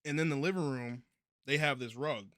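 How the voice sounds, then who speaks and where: A man's voice: medium pitch, moderate pace, a bit bright, no room sound, clean studio sound. A young man telling a story in a casual, laid-back way, full of profane slang.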